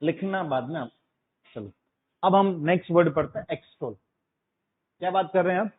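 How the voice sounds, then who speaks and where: A man's voice: sits high, moderate pace, husky. A male teacher giving a classroom vocabulary lesson, drilling his students with repeated questions and calling them 'beta'. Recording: tinny phone-like sound.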